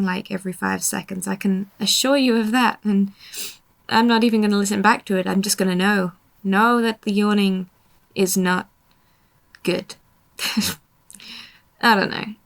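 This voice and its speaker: A woman's voice: medium pitch, steady tone, normal speed, vocal fry. A young woman giving a casual voiceover about her painting, tired and yawning, grumbling at herself in a self-deprecating way. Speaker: artist narrating her painting.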